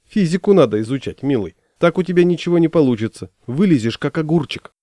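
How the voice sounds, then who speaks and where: A man's voice: on the high side, animated, fast, dark tone, no echo, clean studio sound, pitched above the performer's own voice, lightly acted. A man voicing a smug, bookish friend who talks in an ironic, lecturing way.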